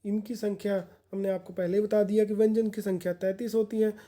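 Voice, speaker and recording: A woman's voice: mid-range voice, flat delivery, fairly quick, warm tone. A woman teacher giving a grammar lesson for exam candidates, explaining patiently and repeating points in plain words.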